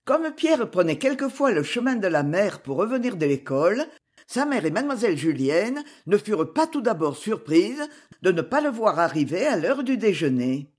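A woman narrating a novel chapter as an audiobook reader, with measured, expressive storytelling. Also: mid-range voice, breathy edge. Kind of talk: scripted narration.

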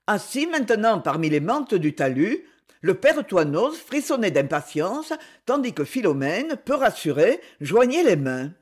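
A man reading a novel aloud as narrator, with expressive storytelling. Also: high voice.

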